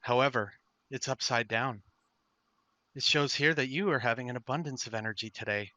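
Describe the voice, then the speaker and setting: A man voicing a calm, mysterious female fortune-teller in a tabletop game, measured, cryptic and eerily calm. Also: mid-range voice, no room sound, muffled recording, close to an everyday voice. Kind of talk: improvised tabletop role-play.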